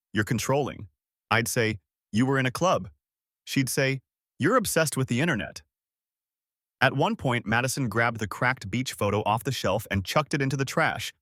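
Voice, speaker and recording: A man's voice: medium pitch, no echo, clean studio sound. A man reading out a first-person story in scripted narration. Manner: lively storytelling.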